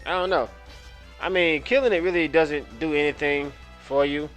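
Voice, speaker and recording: A man's voice: fairly high pitch, steady tone, normal speed, a bit bright, faint music behind. A man giving casual let's-play commentary on a video game, rambling, correcting himself and swearing now and then. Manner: rambling, self-correcting, profane. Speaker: gamer, video host.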